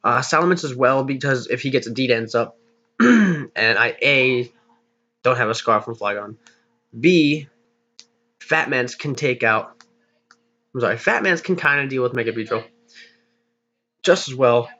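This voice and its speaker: In an animated, pushed, bright voice of medium pitch, a young man takes his time, leaving long pauses while he rambles about his team plans for a league battle. He pokes fun at himself and laughs at his own jokes in this casual gaming commentary, recorded on a slightly dull lo-fi mic.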